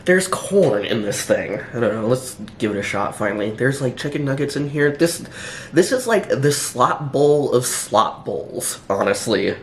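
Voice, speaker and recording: A man's voice: mid-range voice, expressive, normal speed. Hungover man rambling in a roomy echo. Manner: rambling, hesitant, filler-heavy. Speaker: food reviewer. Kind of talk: casual unscripted review chat. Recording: roomy echo, faint background noise.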